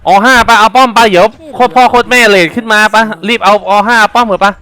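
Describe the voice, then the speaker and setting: A man's voice: very high-pitched, bright, forceful tone. A young man streaming a game, chatting casually, rowdy and blunt. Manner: rowdy, blunt, quick-talking. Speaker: gaming streamer. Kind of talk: casual chat while gaming.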